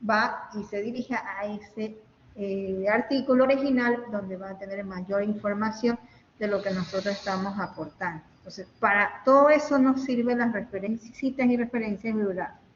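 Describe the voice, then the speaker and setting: A woman's voice: mid-range voice, steady tone, moderate pace. A woman lecturer giving an online class, explaining step by step and checking in with her students, her voice carrying a hall-like echo. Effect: echoing, hall-like reverb. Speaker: university lecturer. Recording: echoey, dull audio with faint hiss.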